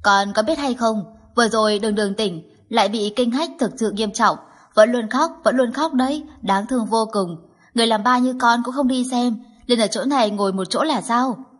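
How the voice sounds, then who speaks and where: A woman's voice: on the high side, normal speed, lightly acted. Woman voicing a scolding, bossy grandmother. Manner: scolding, indignant. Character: stern scolding grandmother, bossy and quick to anger. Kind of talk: audiobook dialogue.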